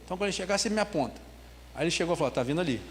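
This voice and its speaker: Male pastor, high voice, animated storytelling sermon, recorded in a reverberant church hall with faint room noise. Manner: ends with a slow spoken prayer.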